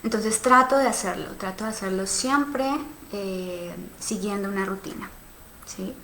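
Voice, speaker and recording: A woman in her thirties from Cali, with a Colombian accent, hosts a casual live stream on sexuality and answers viewer comments. Her medium-pitched voice is sharp and measured, and she reflects aloud with many fillers and tag questions. The low-quality recording has slight background noise.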